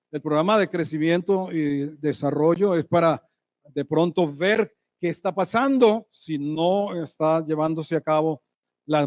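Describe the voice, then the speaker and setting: A man preaching a sermon as pastor, lively and asking the congregation rhetorical questions. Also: a little high, dry recording. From Colombia. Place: church hall.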